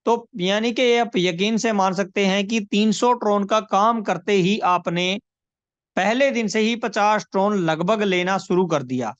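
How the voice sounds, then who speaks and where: A man giving a persuasive sales pitch on a video call, repeating numbers and calling listeners friends. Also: a little slow, dry recording. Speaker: presenter of a money scheme. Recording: dry, dull lo-fi call audio.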